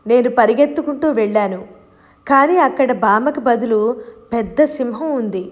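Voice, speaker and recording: A frightened young wife, played by a woman narrator in an audiobook novel, her speech breathless and shaken. The voice sits somewhat high. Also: normal speed, close to an everyday voice.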